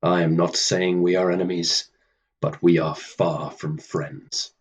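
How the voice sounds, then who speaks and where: A man acting in a radio play as Death, a stern, weary immortal who speaks formally and coldly with a husky voice. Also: low voice, little pitch movement. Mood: cold, dismissive. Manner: deliberate, formal, cold, dismissive.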